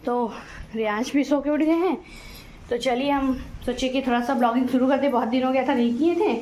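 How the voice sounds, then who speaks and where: Chatty high-voiced woman in kitchen. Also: fairly quick, a little mellow. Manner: chatty, rambling, motherly. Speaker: vlogger. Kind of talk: casual cooking vlog chat. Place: small home kitchen. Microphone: phone camera at arm's length. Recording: echoey kitchen, faint frying noise.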